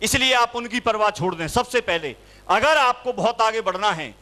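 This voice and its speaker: A man delivers a motivational speech to a live audience, weaving in a folk tale and repeatedly asking the listeners yes or no. His voice sits very high, with a bright, forceful edge that cuts through. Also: expressive, moderate pace. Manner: rhetorical, quizzes the crowd with yes-or-no questions; storytelling, teaches with a folk tale. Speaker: motivational speaker.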